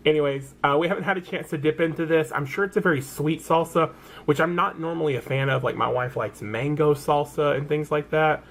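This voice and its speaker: A man's voice: fairly high pitch, brisk, fairly bright tone, a little hiss or hum. A man with a Southern American accent chatting casually through a product haul, rambling and correcting himself as he goes. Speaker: vlogger.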